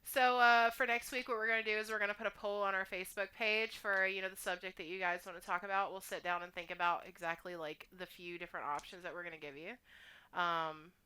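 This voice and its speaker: Texan woman co-hosting a casual podcast, bright, crisp, chatty and teasing. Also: medium pitch, steady tone, fast talker, low-quality recording. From Texas, USA. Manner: chatty, laughs easily, teasing. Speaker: podcast co-host. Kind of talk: casual chat.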